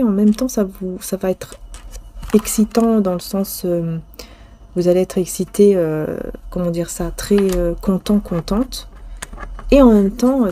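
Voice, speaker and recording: A woman giving a casual spoken tarot reading, talking straight to the viewer and often pausing and restarting. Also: medium pitch, mellow, slight background noise. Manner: hesitant, restarts often, many fillers; addresses viewer directly, intimate. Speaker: tarot card reader.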